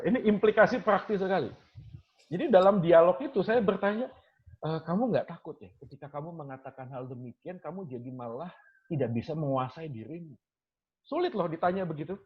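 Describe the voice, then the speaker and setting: A male lecturer talks in a relaxed, conversational way, acting out his students' questions as he tells stories. His voice sits a little higher than most men's. The recording sounds dull and muffled. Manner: animated storyteller, acts out students' questions, mixes in English phrases. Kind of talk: casual talk sharing teaching stories.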